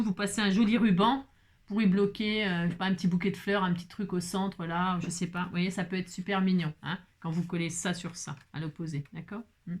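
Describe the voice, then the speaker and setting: Chatty woman hosting a craft tutorial. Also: fairly low pitch. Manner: talkative, joking, constant filler tags to viewers. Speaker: papercraft tutorial host.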